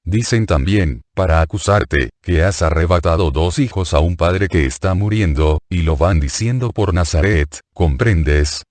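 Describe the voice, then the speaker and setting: A grieving older woman pours out anguished, pleading questions, as a male reader takes her part. The voice sits very deep and low. The sound is close and dry, with no room around it. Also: unhurried, few pauses, darkish tone, no room sound.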